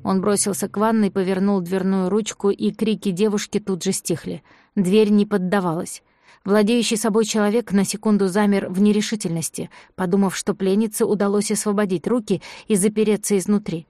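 Audiobook narrator, woman, warm low timbre, steady delivery, dry studio. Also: fairly quick, dry recording. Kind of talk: scripted narration.

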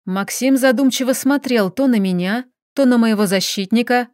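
Expressive woman reading a romance audiobook. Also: fairly high pitch, normal speed, no room sound, clean studio sound. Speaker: audiobook narrator. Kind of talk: first-person romance audiobook narration.

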